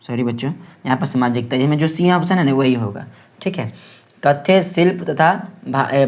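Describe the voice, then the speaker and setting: A man with a Bihari Hindi accent teaching an exam-prep lesson, rushing through quiz questions and checking in with his students over and over. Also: on the high side. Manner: quick, repetitive, keeps asking "ठीक है?".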